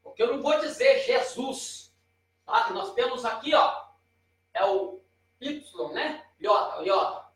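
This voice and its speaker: Speaking slowly and expressively, a man with a Brazilian Portuguese accent runs a chatty lesson at a board, pointing and fixing his own mistakes. His very high voice is a bit bright. He's off-mic in a very echoey room.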